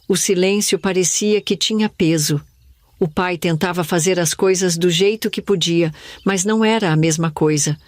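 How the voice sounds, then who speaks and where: A woman's voice: on the low side, darkish tone, no room sound, clean studio sound. Older woman narrating a somber memory. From Brazil. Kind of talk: scripted first-person narration.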